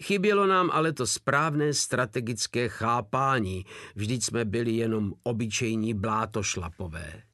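Man, audiobook narration, steady, dry recording. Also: mid-range voice, hardly any pauses, dry recording.

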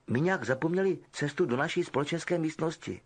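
Man reading as a flustered schoolboy, eager, husky, storybook reading. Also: on the high side.

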